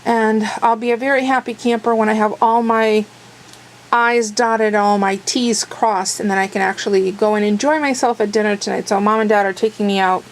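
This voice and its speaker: A woman's voice: mid-range voice, fairly even intonation, moderate pace, low-quality recording. A woman vlogging her day in a chatty, rambling, self-deprecating way, her voice a little worn from talking. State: losing her voice. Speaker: daily vlogger. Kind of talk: casual chat to camera.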